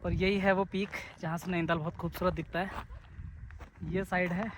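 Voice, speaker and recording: A travel vlogger with a high voice chats casually to his viewers at a moderate pace and level tone, speaking into a handheld camera as he treks up a foggy hill trail. The recording is rough, with a little hiss or hum.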